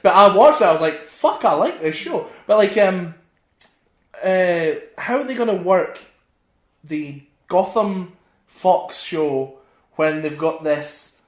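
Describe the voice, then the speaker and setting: A man with a somewhat high voice chats casually on a podcast, relaxed and asking questions. The recording is echoey. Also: slow, long pauses. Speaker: podcast co-host. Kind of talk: casual chat.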